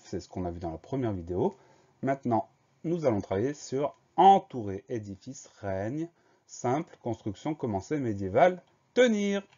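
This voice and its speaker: A man teaching a spelling lesson to children, speaking slowly and carefully and spelling each word out letter by letter. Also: fairly low pitch, mellow, lo-fi sound. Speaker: primary school teacher.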